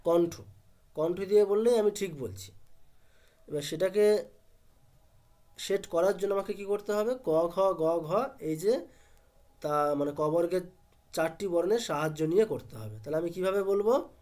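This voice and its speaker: Guy with a high voice, teaching sounds step by step, asks himself questions then answers. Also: warm tone. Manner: asks and answers his own questions, drills syllables slowly. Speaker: Sanskrit pronunciation teacher. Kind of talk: step-by-step pronunciation lesson.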